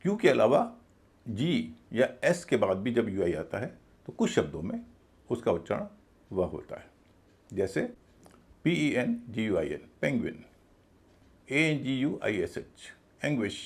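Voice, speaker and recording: Lively male teacher. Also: lowish voice, measured pace, long pauses. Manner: spells words letter by letter, then repeats the correct pronunciation. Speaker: English pronunciation teacher. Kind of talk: video lesson.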